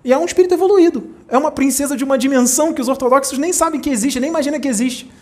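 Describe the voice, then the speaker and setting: A spiritual teacher gives a talk to a small group, telling stories animatedly and acting out the voices of the people in them with big jumps in pitch. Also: racing. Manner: animated storyteller, acts out quoted voices with big pitch leaps.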